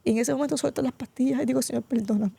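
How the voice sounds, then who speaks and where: Speaking rapid-fire in a high, creaky, mellow voice with a steady tone, a middle-aged woman pastor from Puerto Rico tearfully recounts a heartfelt personal testimony in an interview, frequently using the host's name. The recording is dry.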